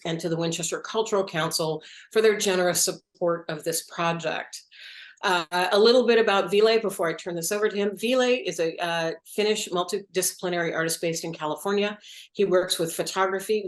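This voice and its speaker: A woman's voice: fairly low pitch, reverberant. A woman, a museum director, introducing an artist and thanking supporters. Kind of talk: introducing a speaker.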